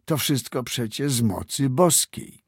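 Bossy old village wise woman for a storybook, put on by a male reader; commanding, husky edge, dry close sound. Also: medium pitch, expressive, measured pace, no room sound, pitched above the performer's own voice. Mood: defensive. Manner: commanding, matter-of-fact.

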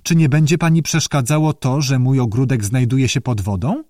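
A man's voice: mid-range voice, normal speed, darkish tone, no room sound, studio quality, lightly acted. A man voicing a courteous, bookish male newt who speaks earnestly and formally in an audiobook. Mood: polite, earnest. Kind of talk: audiobook character voice.

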